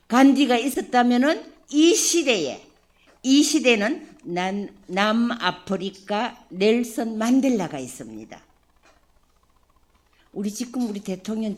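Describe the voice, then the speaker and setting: A woman, a religious sister, giving a spoken lecture to her listeners and asking them questions as she goes. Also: mid-range voice. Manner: slow prayerful opening, then lively conversational teaching with questions to listeners. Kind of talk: prayer then spoken lecture.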